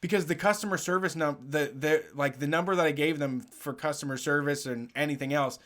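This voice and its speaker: Bright-voiced profane man telling stories. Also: fairly high pitch, fairly even intonation, fairly quick. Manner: profane, storytelling, acts out quoted voices. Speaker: podcast co-host. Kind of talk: casual chat.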